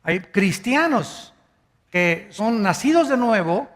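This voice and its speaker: High-voiced man preaching in a reverberant hall. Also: very animated, a bit bright. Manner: emphatic teaching, spells out words slowly, asks the listeners questions. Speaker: pastor. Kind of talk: sermon.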